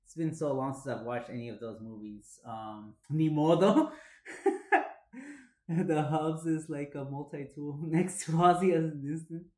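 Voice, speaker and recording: A man's voice: a little high, a little slow, darkish tone. A man with a Chicano East LA accent chatting casually on a livestream, mixing Mexican Spanish slang into his English. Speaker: co-host of a cooking livestream. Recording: echoey room.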